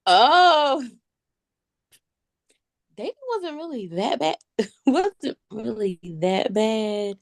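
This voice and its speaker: A woman's voice: a little high, expressive, drawn-out words, long pauses. A woman in her thirties, a guest on a video-call interview, chatting casually, laughing often and calling the listener honey.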